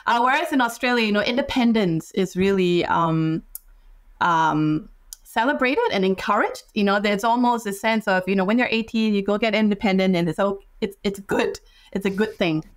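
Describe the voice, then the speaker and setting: A woman's voice: medium pitch, lively intonation, moderate pace. A woman from Singapore in her thirties, a psychologist speaking as a guest over a video call headset from a home office, thoughtful, with many fillers and restarts.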